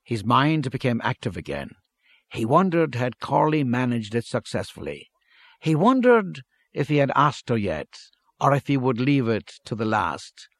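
A man narrating a story in a measured, steady reading. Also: mid-range voice, no room sound.

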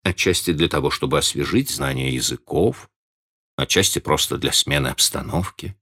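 Man doing awkward young man, evasive, hesitant, mumbling, deep low voice. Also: moderate pace, pushed and bright, husky, full character voice. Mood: embarrassed.

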